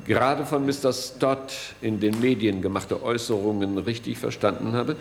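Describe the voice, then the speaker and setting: In a German radio play, an actor voices a middle-aged male security chief who is authoritative and courteous yet guarded, speaking in formal, deliberate officialese. His natural, mid-range voice carries vocal fry and a smooth, guarded mood, with a little hiss or hum.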